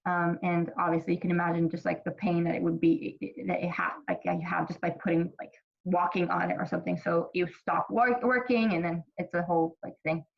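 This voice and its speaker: A woman from Ethiopia teaches a college microbiology class in a loose, conversational way, full of fillers and restarted sentences. Her voice sits a little low for a woman. The recording sounds slightly dull and lo-fi. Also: little pitch movement, a little fast, vocal fry. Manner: chatty, many fillers and restarts. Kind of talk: casual recorded lecture.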